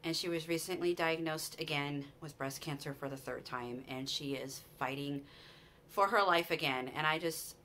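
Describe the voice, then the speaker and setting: In a low-pitched, fairly bright voice at a moderate pace, a forty-something Utah vlogger enthusiastically chats through a shopping haul to camera in a small room at home. She restarts her sentences often and keeps addressing "you guys." A little hiss or hum is audible.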